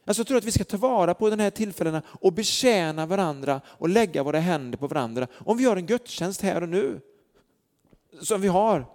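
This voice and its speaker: Earnest and full of fillers, a man tells stories during a sermon in a church hall. His voice is high-pitched and a little mellow, and the long church hall reverb is clearly audible.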